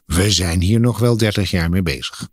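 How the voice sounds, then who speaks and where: Expert guest, male, lower register, confident lecturer who stacks examples, dry recording. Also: normal speed, husky, no room sound. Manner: emphatic, lecturing, builds points in lists. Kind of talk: explanatory podcast interview.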